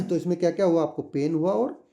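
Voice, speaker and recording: Dark-voiced Indian man tutoring. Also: high-pitched, lively intonation, moderate pace, gravelly. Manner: patient, repeats questions to the class. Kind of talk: explaining a school chapter.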